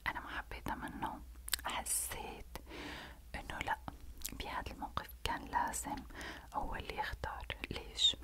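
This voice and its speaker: A woman whispers throughout in an ASMR storytelling style. She has a Levantine Arabic accent and speaks as a creator confiding in her viewers. Her words are deliberately murmured and indistinct, carried on breath with little voicing.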